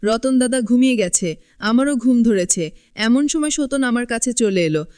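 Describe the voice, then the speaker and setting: A woman narrating a scripted first-person story in an even storytelling manner. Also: a little high, moderate pace, smooth, no room sound, clean studio sound.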